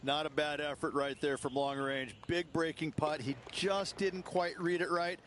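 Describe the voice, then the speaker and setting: A man playing a calm golf analyst, giving measured, analytical commentary for a video game. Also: a little high, slight background noise, natural voice.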